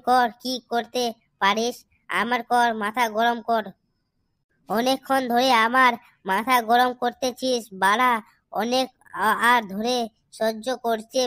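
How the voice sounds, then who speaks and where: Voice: medium pitch, bright, forceful tone, no room sound. A performer voicing a hot-headed, swaggering young man in a comedy cartoon, foul-mouthed.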